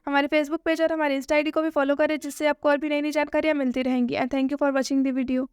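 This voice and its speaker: A woman gives a spoken English lesson. She asks questions and answers them herself, and she repeats each point slowly. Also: high-pitched, level tone, dry recording, clean studio sound. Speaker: English teacher.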